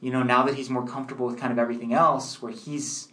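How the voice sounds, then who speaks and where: Man, sports podcast co-host, analytical, measured, casual chat, fillers. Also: medium pitch, flat delivery, a bit bright.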